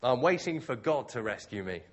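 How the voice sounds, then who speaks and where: A man's voice: medium pitch, animated, moderate pace, natural voice. A man voicing a stubborn man stranded on a roof in a flood who refuses every rescue. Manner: indignant, strained, raised voice.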